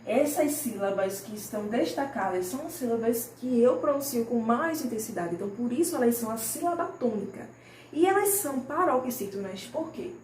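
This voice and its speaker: A woman teaching young children in a recorded lesson, her voice a little high and patient. She draws example words out slowly and checks in often. The sound is roomy and set back from the mic, with a faint hiss underneath. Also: expressive, a little mellow, far from the mic. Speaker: primary school teacher. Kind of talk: recorded remote class lesson.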